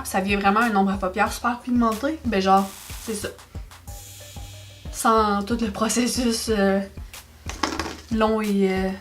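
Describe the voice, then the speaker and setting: A young woman with a Québécois French accent, chatting excitedly through a makeup haul in a casual vlog. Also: medium pitch. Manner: chatty, excitable, exclaims over products. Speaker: beauty vlogger.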